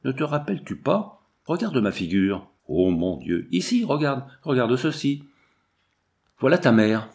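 A man's voice: mid-range voice, big pitch swings, measured pace, a little mellow. A man playing a grief-stricken pleading father. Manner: pleading, fervent.

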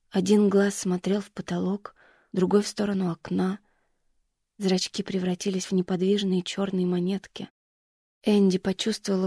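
A woman narrating an audiobook in an even, measured reading. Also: medium pitch, husky, no echo, studio quality.

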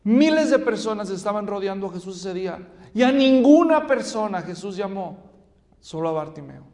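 A male preacher giving a sermon with animated storytelling and questions to the congregation. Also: high voice, moderate pace. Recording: reverberant hall.

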